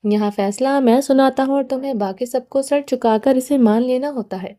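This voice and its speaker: A woman's voice: high-pitched, dark tone, natural voice. A woman reading the part of a menacing, short-tempered young man in a storybook, in a cold, commanding way.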